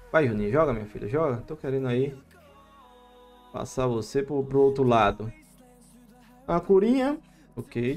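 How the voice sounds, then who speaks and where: A man with a Brazilian accent giving excitable live commentary over his own mobile game battle, cheering his units on with slang. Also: fairly high pitch, gravelly. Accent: Brazilian Portuguese. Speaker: gaming YouTuber.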